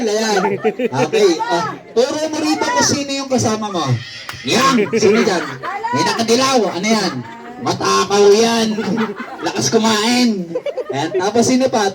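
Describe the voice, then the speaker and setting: A man's voice: sits high, far from the mic. A man hosting a party game, teasing and chatty, often laughing and counting down to the crowd. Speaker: party emcee.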